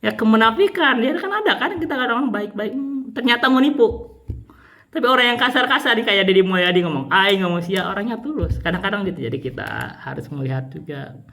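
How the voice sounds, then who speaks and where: A man from West Java with a Sundanese accent, teaching religion in a casual, rambling way, jumping from high exclaims to low mutters. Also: lively intonation, a little fast, creaky, bright, forceful tone. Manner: rambling, repetitive, pitch swings between high outbursts and low mutters. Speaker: Islamic teacher.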